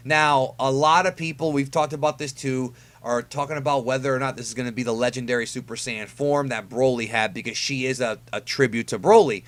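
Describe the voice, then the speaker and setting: A man's voice: mid-range voice, steady tone, a little fast, hardly any pauses. A man hosting casual fan commentary on an anime episode preview, talking conversationally and stressing key words. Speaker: YouTube host reviewing an anime episode preview.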